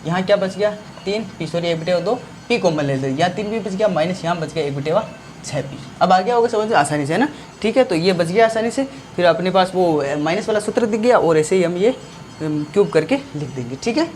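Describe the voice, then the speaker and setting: A man's voice: sits high, lively intonation, a little fast, darkish tone, a little hiss or hum. Hindi-speaking man teaching a maths lesson. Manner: explains step by step, often asks questions and answers them himself.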